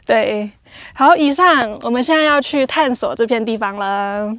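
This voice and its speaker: Out in the desert badlands, a young travel vlogger chats casually and explains clues, recorded on a lapel mic. Her fairly high, fairly bright voice is unhurried, with a little hiss or hum in the audio.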